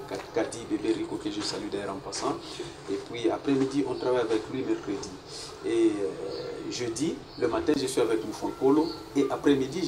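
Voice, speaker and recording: A man, answering as a guest artist in a casual interview, laying out his plans at length and mixing in Swahili words. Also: fairly low pitch. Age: 40s. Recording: echoey room, distant mic, noisy.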